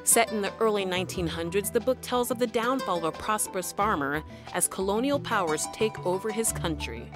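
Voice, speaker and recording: A woman's voice: medium pitch, animated, fairly quick, few pauses. A woman reading scripted narration for a television profile. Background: music.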